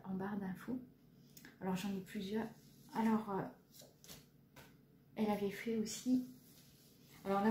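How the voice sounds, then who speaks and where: A woman's voice: medium pitch, dark tone. Chatty woman in an echoey room. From France. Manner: chatty, hesitant, many fillers, self-deprecating. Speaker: cross-stitch vlogger. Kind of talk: casual show-and-tell chat. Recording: echoey room, faint background noise.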